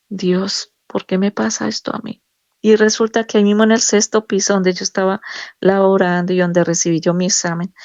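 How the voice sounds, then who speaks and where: A middle-aged woman, a nurse, giving a personal religious testimony in a halting, emotional way with many restarts. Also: mid-range voice, vocal fry, a little mellow, dry recording, dull audio.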